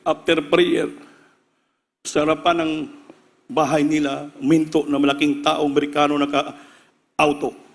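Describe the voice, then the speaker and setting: A male preacher telling a story in a sermon, acting out the voices of the people in it and rising to shouts. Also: on the high side, level tone, a little slow, long pauses, long reverb tail.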